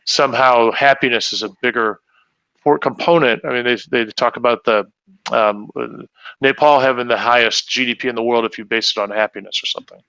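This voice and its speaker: Male panelist, sharp tone, muffled lo-fi line, hesitant. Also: medium pitch, steady tone, brisk, clear, resonant tone, dry recording. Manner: thinking aloud, many restarts. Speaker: panel guest. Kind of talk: casual panel discussion.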